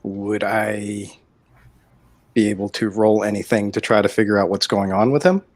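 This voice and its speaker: A man playing in a tabletop game, talking haltingly with many fillers. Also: lowish voice, steady tone. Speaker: player. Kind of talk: casual game talk.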